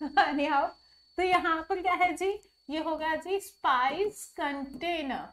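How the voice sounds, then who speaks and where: A woman's voice: very high voice, slow, fairly bright tone. A woman teaching an online vocabulary lesson, mixing Hindi with English words, who keeps asking the viewer questions and then answers them herself.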